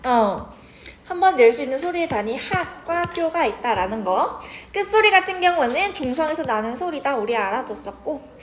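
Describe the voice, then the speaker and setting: A woman's voice: sits high, sing-song, moderate pace. A young woman teaching a grammar lesson, chatty and checking in with her students often.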